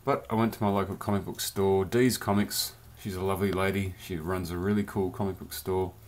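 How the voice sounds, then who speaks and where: A man's voice: low voice, fairly even intonation, fairly quick, darkish tone. A man casually reviewing a collectible toy in a rambling, chatty vlog from his home beer cellar. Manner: chatty, rambling, loose slang.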